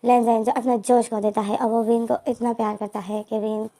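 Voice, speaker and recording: A woman's voice: on the high side, level tone, a little fast, warm tone. A woman retelling a fan fiction story as its narrator, in simple narration that repeats itself.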